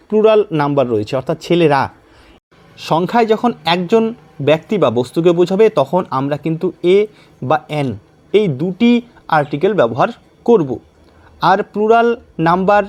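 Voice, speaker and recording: A man teaching an exam-prep lesson, explaining patiently step by step, asking questions and reading example sentences slowly. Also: high voice, a little mellow.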